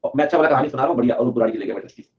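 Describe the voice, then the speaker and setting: Fast-talking animated male teacher, lo-fi. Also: medium pitch. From Delhi, India. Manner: animated, acts out auditor and client in funny voices. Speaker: accounting teacher. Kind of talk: lively classroom lecture with acted skits. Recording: dull lo-fi recording.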